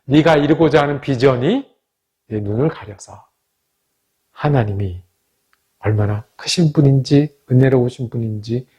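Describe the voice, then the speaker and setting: A man, a pastor, teaching a Bible study in a measured way and asking the listeners questions. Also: medium pitch, dark tone, breathy edge.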